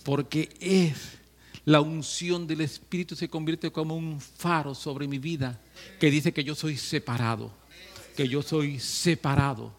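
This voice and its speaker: A man preaching a sermon as pastor, swinging from hushed, slow stretches to loud, joking outbursts. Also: on the high side.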